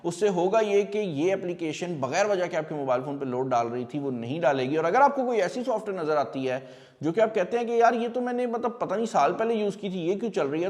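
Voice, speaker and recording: A man's voice: fairly high pitch, a little mellow. Chatty man explaining phones, reverberant room. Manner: chatty, addresses viewers directly, explains with everyday examples. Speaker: tech video host. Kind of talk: casual explainer talk. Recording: long hall reverb.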